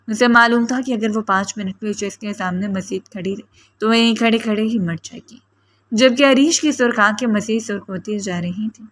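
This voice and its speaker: A woman's voice: medium pitch, fairly bright tone. A woman reading a romance novel aloud as audiobook narrator, telling the story with drama.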